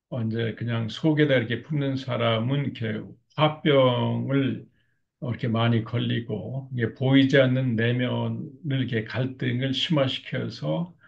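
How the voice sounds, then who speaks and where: A man's voice: mid-range voice, vocal fry. An older man giving a recorded lecture on marriage communication, with frequent fillers and short acted example quotes. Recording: dull lo-fi recording.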